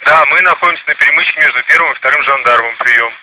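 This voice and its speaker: A man's voice: mid-range voice, quick pace, sharp tone. A man reporting over a crackly walkie-talkie in clipped, procedural radio phrases, repeating himself for confirmation. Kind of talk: two-way radio exchange, procedural call-outs. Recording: crackly two-way radio transmission.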